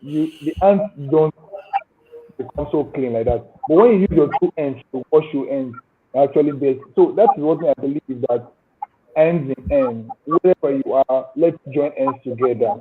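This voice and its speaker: A Nigerian-accented man, an agribusiness owner on a panel, joins over a tinny remote call line with a slight hiss or hum. His voice is a little high and his pace normal as he earnestly makes his case with proverbs and examples.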